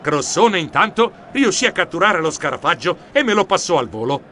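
A man narrating a children's storybook in a lively, expressive manner. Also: a little high, fairly quick, slight background noise. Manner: expressive, animated. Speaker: audiobook narrator.

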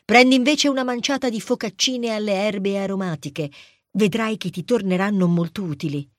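A man voicing a wise, helpful female goddess who speaks softly and kindly. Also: high-pitched, normal speed, no room sound, clean studio sound, voice pushed up. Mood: confiding.

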